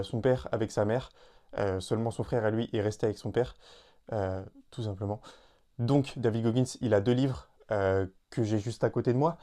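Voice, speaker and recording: A man with a warm, mid-range voice hosts a solo podcast, chatting informally with the listener. He uses many fillers and often restarts his sentences.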